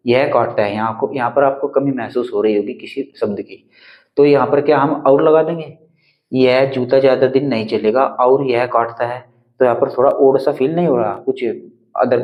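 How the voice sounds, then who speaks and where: A man of medium pitch teaches a grammar lesson step by step, pausing to check that his students follow along. He reads example sentences slowly and deliberately. The audio is a little dull and lo-fi. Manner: explains step by step, often checking with "ठीक है". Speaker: Hindi teacher. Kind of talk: exam-prep grammar lesson.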